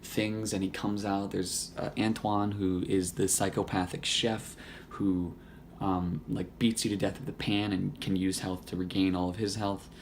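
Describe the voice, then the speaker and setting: A hoarse young man whose voice is nearly gone, chatting casually about a video game in a rambling, profane, joking way. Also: sits low, flat delivery, a little slow, a little hiss or hum. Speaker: YouTuber. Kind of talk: casual gaming chat to camera.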